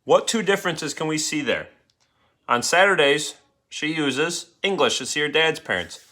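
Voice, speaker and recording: A man's voice: a little high, expressive, moderate pace, pushed and bright. A man teaching a class, reading a story aloud and urging students by name to keep up. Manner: coaxing students to keep up, calling names.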